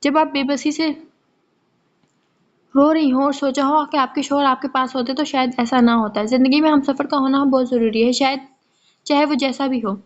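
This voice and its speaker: A woman voicing a sensible young daughter-in-law who persuades gently, in a muffled lo-fi recording. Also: high-pitched, steady tone, natural voice. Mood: pleading.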